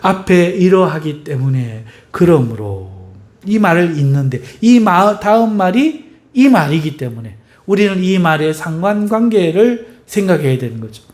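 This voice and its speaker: A male pastor preaching a sermon, emphatic, swinging in pitch and loudness, and putting rhetorical questions to the congregation. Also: expressive, moderate pace.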